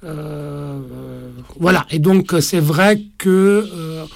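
Hesitant man in his forties, gravelly. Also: fairly high pitch, steady tone, drawn-out words, no echo. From Italy. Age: 40s. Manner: hesitant, many fillers and restarts. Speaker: author. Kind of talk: interview conversation.

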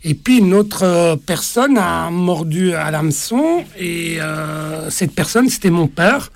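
Hesitant man in his forties, gravelly. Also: fairly high pitch, lively intonation, takes it slowly, dry recording. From Italy. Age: 40s. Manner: hesitant, many fillers and restarts. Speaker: author. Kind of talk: interview conversation.

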